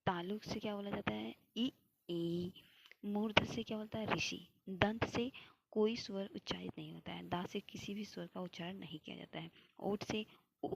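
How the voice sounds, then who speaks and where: A woman's voice: medium pitch, creaky, very noisy. A young woman teaching Hindi grammar for an exam, explaining step by step and answering her own questions. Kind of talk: classroom lecture.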